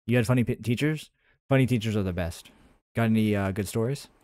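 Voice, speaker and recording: Deep-ish guy live streaming his game dev, rambles out loud, lots of ums and restarts, dry sound. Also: fast talker, no echo. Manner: thinks aloud, rambling with many fillers and restarts; answers chat messages between coding steps. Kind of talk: casual live-stream chat while coding.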